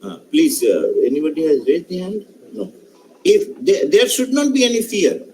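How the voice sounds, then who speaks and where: A man's voice: high-pitched, very animated, moderate pace, gravelly, darkish tone, a little hiss or hum, rough recording. A male professor with an Indian English accent, giving an online lecture and putting questions to participants, speaking emphatically and often repeating and restarting phrases. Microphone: online session microphone.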